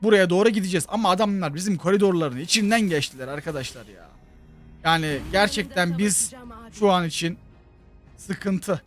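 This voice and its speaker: Excitable high-voiced man with Turkish accent. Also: a little fast, faint music behind. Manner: excitable, chatty, bursts into loud shouts. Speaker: gaming channel host. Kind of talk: mobile game commentary.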